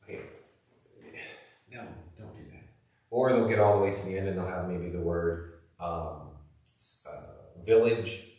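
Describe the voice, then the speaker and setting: Male teacher, low voice, loose chatty explaining, booming classroom echo. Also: moderate pace, mellow. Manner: casual, rambling explanation with many fillers. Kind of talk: recorded classroom lesson. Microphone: camera across the room. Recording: echoey room, distant camera mic.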